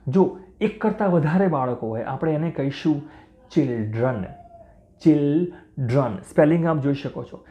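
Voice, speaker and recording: Male language teacher with a warm, mellow voice and a roomy echo, patient and repetitive. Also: on the high side, expressive. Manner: slow, clear drilling, repeating each word and spelling letter by letter. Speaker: English teacher. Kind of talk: language lesson for beginners.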